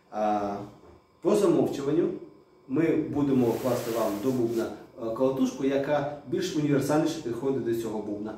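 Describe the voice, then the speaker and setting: A man's voice: medium pitch, mellow. A man who makes drums, explaining step by step and addressing viewers directly. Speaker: drum workshop maker. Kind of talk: product explainer video. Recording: very echoey room, distant mic.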